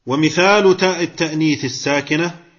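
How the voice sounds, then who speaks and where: A man's voice: fairly high pitch, brisk, fairly bright tone, breathy edge, highs cut off. A man teaching Arabic grammar in a class, explaining step by step, asking questions and praising students' answers.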